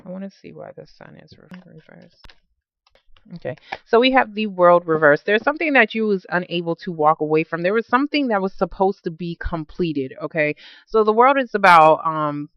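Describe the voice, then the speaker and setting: A woman's voice: fairly low pitch, animated, moderate pace, no echo. A woman giving a casual tarot card reading, blunt and talkative, swearing freely and often stopping to correct herself. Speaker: tarot reader. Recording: dull lo-fi dry recording.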